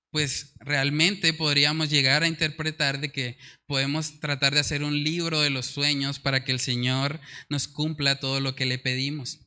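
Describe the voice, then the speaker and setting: Preacher guy, earnest and emphatic, reads bible verses out, kinda high piercing voice. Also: bright, forceful tone. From Colombia. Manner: earnest, emphatic, repeats key words. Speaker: pastor. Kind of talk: sermon with scripture reading.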